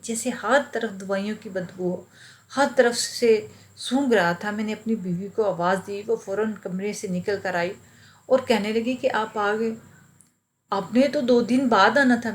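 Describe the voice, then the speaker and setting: A woman storyteller reads an emotional tale in the first person. Her delivery is earnest and dramatic, and her voice sits at a middling pitch for a woman.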